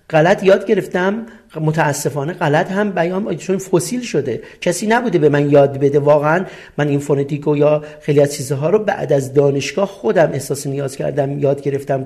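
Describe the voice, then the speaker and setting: Male English teacher, middle-aged, Persian accent, slightly high voice, patient question-and-answer lecturing. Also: a little mellow. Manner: explains step by step and asks and answers his own questions. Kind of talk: recorded classroom lesson.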